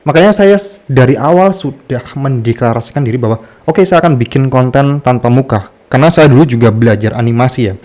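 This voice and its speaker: A man's voice: medium pitch, fast talker, darkish tone. Man with a slight lisp on his r. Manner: candid, self-deprecating. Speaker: YouTube content creator. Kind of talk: personal story told to camera.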